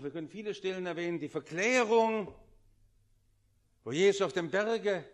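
A man preaching a sermon, swinging between loud, fervent pleading and hushed, intimate passages. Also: high-pitched.

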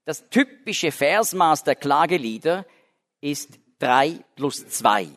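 A man teaching a Bible class in a hall with long reverb. His voice sits a little high for a man. He explains carefully, restarts often and leans hard on key words. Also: lively intonation, takes it slowly, fairly bright tone. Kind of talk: Bible lecture.

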